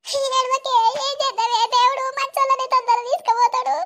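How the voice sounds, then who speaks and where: A woman's voice: very high voice, flat delivery, moderate pace, bright, forceful tone. A woman voicing an older village woman in a cartoon, soothing a widow in a sing-song Telangana Telugu accent. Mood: consoling. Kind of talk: cartoon voice acting. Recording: dull lo-fi audio.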